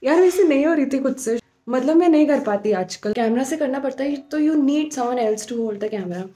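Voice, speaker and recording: Young woman, vlogger, casual chatty talk, higher-pitched voice, code-mixing English. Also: animated, normal speed, warm tone. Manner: chatty, mixes English phrases into her talk. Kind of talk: casual vlog chat.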